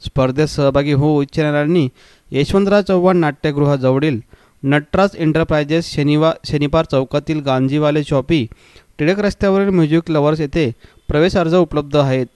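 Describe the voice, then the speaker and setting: Male newsreader, formal and even, crisp dry studio read. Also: a little high, a little fast, dry recording. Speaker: news reader. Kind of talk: scripted news voice-over.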